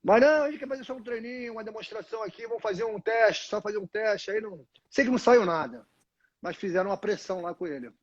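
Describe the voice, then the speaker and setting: This older Brazilian guest has a high voice and a quick pace. A retired fighter, he rambles through long stories in a casual live interview, full of restarts and "né?" tags, speaking into a phone on a tripod that produces dull lo-fi sound.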